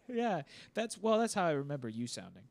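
A man's voice: fairly high pitch, wildly swooping pitch, a little fast, vocal fry, no room sound. A young adult man co-hosting a casual gaming podcast, talking in a rambling, self-deprecating, jokey way. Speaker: podcast co-host.

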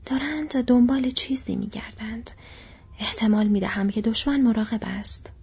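Frodo, a woman reading as a grave breathy hobbit. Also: fairly high pitch, a little mellow, heavily acted. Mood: grave caution. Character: grave young male hobbit, burdened. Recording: dull lo-fi recording.

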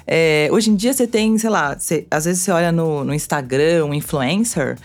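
A woman with a low voice talks in a casual interview. She is a radio presenter speaking as a guest, informal and self-deprecating in the way she tells things. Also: normal speed. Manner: informal, self-deprecating, uses playful mimicked quotes. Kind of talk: casual chat.

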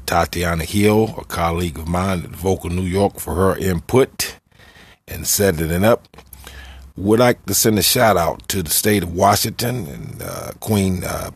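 Male American activist host, very low voice, deliberate rally-style address, dry close sound. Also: husky, dry recording. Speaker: radio show host and community activist. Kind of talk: slow, deliberate address to listeners, part rally speech, part music-show hosting.

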